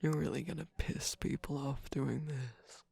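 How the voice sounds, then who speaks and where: A performer voicing a sly, manipulative male cookie trickster in an ASMR roleplay, teasing and sarcastic, mostly in a soft whisper. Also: mid-range voice, fairly even intonation, a little slow, creaky, slightly rough, dry recording, full character voice.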